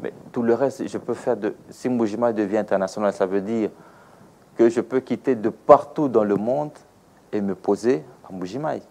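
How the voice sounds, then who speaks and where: This man, from the DR Congo and speaking with a Congolese French accent, answers interview questions as an aviation expert, explaining things didactically through examples and rhetorical questions. He talks at a moderate pace in a lowish, darkish voice with vocal fry.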